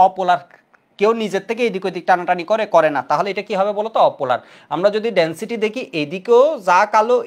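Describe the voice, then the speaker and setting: Fast-talking Bangladeshi chemistry teacher. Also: male voice, high voice. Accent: Bangladeshi Bengali. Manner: quizzing students with repeated questions. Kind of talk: online class lecture.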